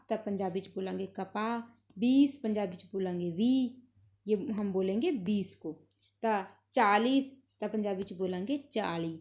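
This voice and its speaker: A woman's voice: mid-range voice, warm tone. A woman teaching a grammar lesson, saying each example word twice for practice and switching between Hindi and as she explains. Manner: mixes Hindi and Punjabi while explaining.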